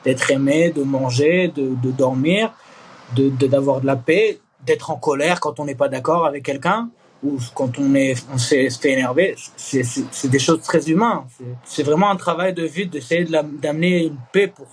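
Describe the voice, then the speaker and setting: A young man with a slightly high voice talks earnestly in an interview, stumbling and restarting as he searches for words. Faint ambient noise hums behind him. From born in East Jerusalem. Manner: halting, many restarts and fillers, earnest. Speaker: Israeli reservist interviewee. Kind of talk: candid interview talk.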